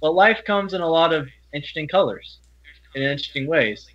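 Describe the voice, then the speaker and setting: A young man talks openly as an interview guest, in a bright, forceful voice. He speaks earnestly and in halting bursts, with frequent restarts. The audio is dull and lo-fi. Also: fairly high pitch. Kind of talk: personal interview talk.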